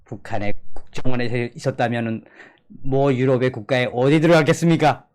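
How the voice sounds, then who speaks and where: A man's voice: medium pitch, steady tone, brisk, darkish tone, slight background noise. Man, reading earnestly. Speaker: channel host. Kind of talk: reading a letter aloud.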